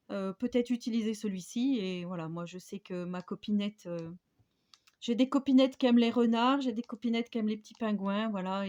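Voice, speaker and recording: Female crafting vlogger, somewhat high and mellow, chatty haul talk with fillers. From France. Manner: chatty, hesitant with many fillers. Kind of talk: casual product haul.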